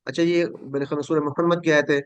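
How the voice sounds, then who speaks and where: A man teaching an online class, patiently drilling verb forms, repeating each word slowly and correcting students. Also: a little high, little pitch movement, clear, resonant tone, dry recording. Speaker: Quran Arabic teacher.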